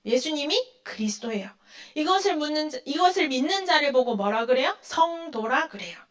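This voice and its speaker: A woman's voice: high voice, expressive, a little fast, a bit bright. A woman giving a sermon to a youth group, asking her listeners questions and then answering them herself, and acting out the quoted lines. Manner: acts out quoted lines in a dramatic voice. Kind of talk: sermon to teenagers.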